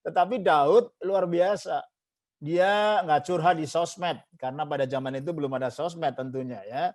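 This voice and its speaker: A man with a slightly high, somewhat mellow voice preaches as a pastor at a moderate pace. He speaks emphatically, using repeated parallel phrases and mixing English into his Indonesian, and he says "saudaraku" often.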